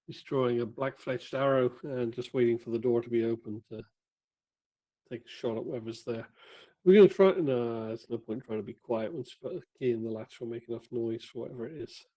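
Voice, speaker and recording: A man's voice: medium pitch, fairly quick, warm tone, dull audio. A man playing a tabletop game, talking in a casual, easygoing way. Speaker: player. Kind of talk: tabletop game play over a stream.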